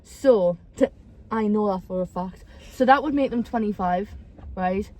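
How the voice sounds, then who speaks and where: A woman's voice: mid-range voice, a little slow. A woman in her twenties hosting a podcast, telling blunt, sweary stories in casual chat. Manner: blunt, sweary, animated storyteller. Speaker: podcast host.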